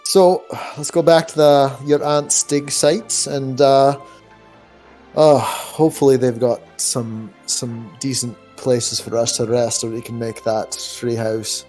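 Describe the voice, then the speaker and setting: A man's voice: mid-range voice, fairly even intonation, takes it slowly, mellow, faint music behind. Jokey swearing male player. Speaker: tabletop player. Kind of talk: casual in-character chat.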